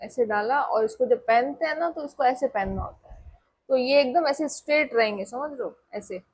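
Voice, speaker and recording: Young woman vlogging, rambly chat, kinda husky, bit high pitched, calls everyone guys. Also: normal speed. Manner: chatty, rambling, addresses viewers as guys. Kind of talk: casual chat to camera.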